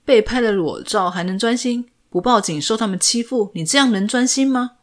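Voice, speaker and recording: A woman's voice: on the high side, moderate pace, voice pushed up, lightly acted. Woman reading a blunt policewoman. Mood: pressing. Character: blunt, pressing female police officer.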